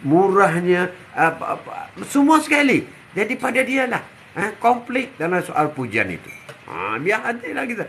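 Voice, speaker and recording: A man's voice: sits high, fairly bright tone, slight background noise. An older man giving a short religious sermon. He repeats himself often, keeps saying "ha" between phrases and stretches out his Arabic recitations. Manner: repetitive, punctuated with "ha", drawn-out Arabic recitations. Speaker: religious teacher.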